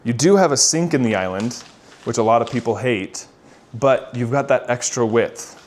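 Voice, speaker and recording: A man's voice: mid-range voice, normal speed, a little hiss or hum. A man working as a real estate agent gives a casual walk-through home tour in an upbeat, enthusiastic manner.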